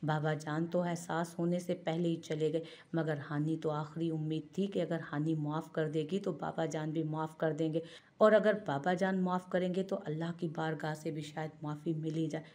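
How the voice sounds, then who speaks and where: A woman's voice: deep voice, steady tone, normal speed, darkish tone, natural voice. A woman voicing a guilt-stricken brother who speaks in distraught despair.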